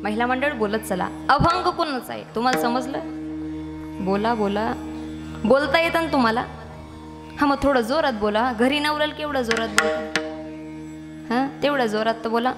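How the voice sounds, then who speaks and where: High-voiced woman preaching kirtan. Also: normal speed, long pauses, in a large hall, over music. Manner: lively call-and-response, teasing the women listeners. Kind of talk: devotional kirtan sermon.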